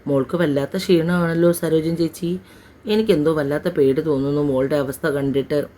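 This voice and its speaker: A faithful older mother reassures the family in a storybook drama, earnest and steady, voiced by a woman narrator. The tone is mellow and warm. It stays close to an everyday storytelling voice. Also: sits low, brisk, a little hiss or hum, natural voice. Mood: worried.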